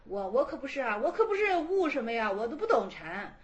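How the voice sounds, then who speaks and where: A woman's voice: high-pitched, sing-song, brisk, muffled recording. A woman voicing a breezy old Zen master. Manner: breezy, self-mocking, listing chores. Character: carefree old male Chan master, unbothered.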